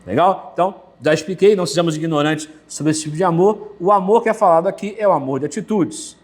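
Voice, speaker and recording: A Brazilian pastor with a Brazilian Portuguese accent preaches a sermon at a quick pace, full of lively, animated energy and vivid stories from his own life. His voice is fairly high for a man, and it gets brighter when he acts out quoted lines.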